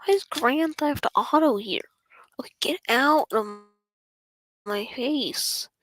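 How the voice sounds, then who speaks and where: High-pitched and animated, this woman's fairly bright voice moves at a slow pace as she streams a game. She chats to herself in jokey, self-interrupting commentary, frequently slipping into whispers.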